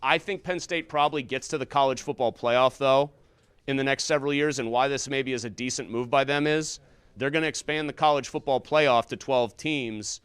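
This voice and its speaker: A man's voice: mid-range voice, a bit bright, clean tone, no room sound. A young man hosting a school telethon in a studio, with jokey, upbeat emcee patter. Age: young adult. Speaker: telethon host. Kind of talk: lively live TV hosting.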